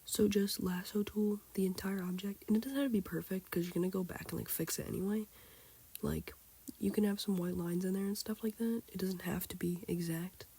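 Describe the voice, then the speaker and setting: A sick teenage girl with a hoarse, childlike-sounding voice, rambling casually through a drawing tutorial with lots of fillers. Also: medium pitch, brisk, dark tone. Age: teens. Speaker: tutorial maker. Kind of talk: casual screen-recorded tutorial.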